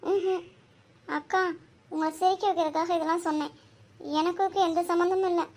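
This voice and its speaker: Woman playing a cheeky chatty girl, high bright cartoon voice, teasing nonstop. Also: fairly even intonation, brisk.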